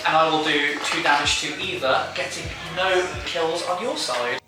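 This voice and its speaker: Playful guy joking loud at the card table, higher voice, far off, big echo, music. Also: steady tone, normal speed. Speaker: card game player. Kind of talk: casual game banter.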